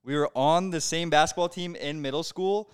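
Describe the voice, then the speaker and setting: A man's voice: a little high, moderate pace, clean tone, dry recording, studio quality. A young man as a podcast guest, chatting casually in rambling, slangy bro talk. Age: young adult. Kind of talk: casual chat.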